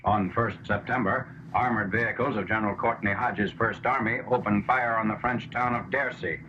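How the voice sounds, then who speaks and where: A man narrating an old wartime newsreel in crisp, clipped announcing phrases. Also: on the low side, fairly even intonation, moderate pace, sharp tone. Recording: dull lo-fi 1940s newsreel soundtrack with faint hiss.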